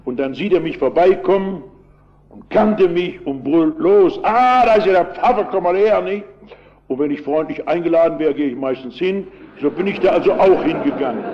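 Older pastor preaching on muffled old tape. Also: male voice, on the high side. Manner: emphatic storytelling, shifts between loud and quiet. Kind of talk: sermon.

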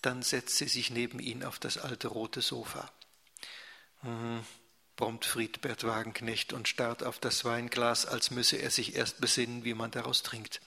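A man reading his own stories to a live audience, talking quickly and chatty with fillers. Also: mid-range voice, level tone, gravelly, pushed and bright, breathy edge. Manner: fast talker, chatty with fillers. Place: church hall before an audience. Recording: echoey church hall.

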